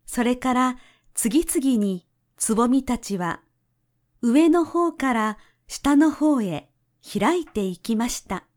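Woman storyteller reading a children's tale, unhurried and gentle, voice sitting a little high. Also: lively intonation. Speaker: narrator. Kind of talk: storybook narration.

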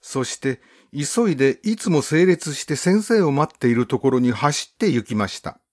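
A man reading a first-person literary story aloud in a measured, gently expressive storybook narration. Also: a little high. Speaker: audiobook narrator.

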